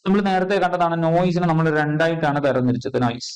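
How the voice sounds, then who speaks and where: A man teaching an exam-prep physics lesson, checking in constantly with quick questions and repeating key terms. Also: fairly high pitch, low-quality recording.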